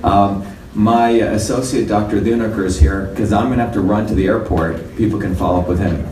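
A man in his fifties from India gives a conversational, explanatory conference talk with slides in a conference room, his slightly low, mellow voice fairly even in intonation and fairly quick. The roomy hall recording catches him far from the mic with faint noise.

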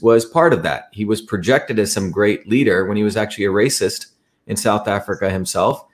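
Lecturing male host, lowish voice. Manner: lecturing, with frequent restarts. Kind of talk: interview conversation.

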